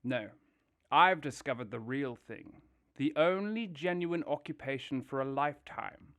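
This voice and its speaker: A man voicing a boastful, excitable, wealthy male toad who exclaims grandly. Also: medium pitch, unhurried. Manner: bombastic, exclaiming.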